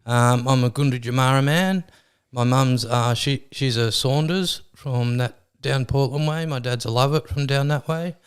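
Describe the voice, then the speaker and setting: A man's voice: mid-range voice, smooth. An Australian man in his forties chatting casually as an interview guest, joking and self-deprecating, his words a little slurred without his teeth in. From western Victoria, Australia. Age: 40s. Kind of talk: casual chat.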